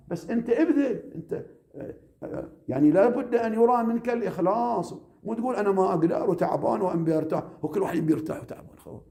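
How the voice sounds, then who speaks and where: A man, a cleric lecturing seminary students, emphatic and repetitive, slowing down to stress his points and asking rhetorical questions. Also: sits high, creaky, warm tone. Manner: slows down to stress key phrases.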